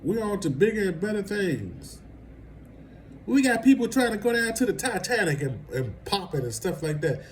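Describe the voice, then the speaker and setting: A man's voice: sits high, very animated, moderate pace, a little hiss or hum, poor audio. A man vlogging casual celebrity gossip commentary, rambling and conversational and laughing at his own asides.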